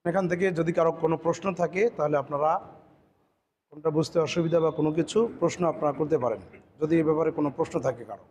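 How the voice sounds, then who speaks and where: A man teaching Quran pronunciation, patiently repeating words slowly and stretching the sounds. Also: on the high side, steady tone, a little mellow, in a large hall. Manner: patient, drills words by slow drawn-out repetition. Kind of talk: tajweed pronunciation lesson.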